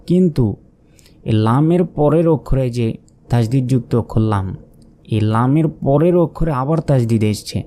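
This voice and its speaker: A man teaching Quran reading step by step, patiently asking questions and answering them himself, and slowly drawing out the syllables he recites. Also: mid-range voice, warm tone. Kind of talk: step-by-step spelling lesson.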